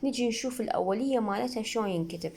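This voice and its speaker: A woman's voice: on the high side, very fast, creaky, a little mellow. A woman teacher with an Iraqi accent, giving a patient reading lesson to young children, sounding out each letter and repeating words. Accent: Iraqi Arabic. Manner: patient, spells out sounds and repeats them, calls the pupils "ماما". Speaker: primary school teacher.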